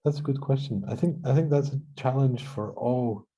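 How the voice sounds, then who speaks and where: A man's voice: medium pitch, normal speed, dark tone, slightly rough, highs cut off. A middle-aged Scottish man from central Scotland, speaking on a conference panel in a thoughtful, hesitant way with many restarts. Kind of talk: panel discussion.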